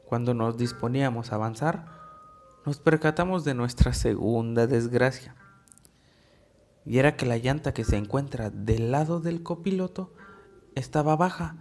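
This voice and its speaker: A man narrating a first-person horror story in a measured, deliberate way with dramatic pauses. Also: mid-range voice, darkish tone, soft background music.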